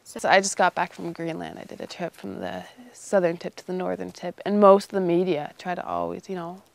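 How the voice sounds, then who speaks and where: A young woman in her early twenties with a Canadian accent talks in a casual interview. Her voice sits fairly low and has a strong creak to it. She phrases things loosely and informally, as in everyday conversation. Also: lively intonation, a little fast, no echo. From Iqaluit, Nunavut, northern Canada. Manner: informal, loose phrasing with frequent "you know". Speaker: interviewee, young polar expedition member.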